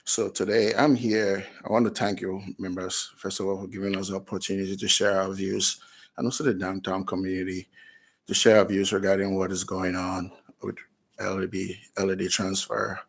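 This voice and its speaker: Earnest man, low voice. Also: flat delivery, normal speed, gravelly. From Cameroon. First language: French. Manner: earnest, with frequent restarts. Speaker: public testifier, business owner. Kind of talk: public testimony.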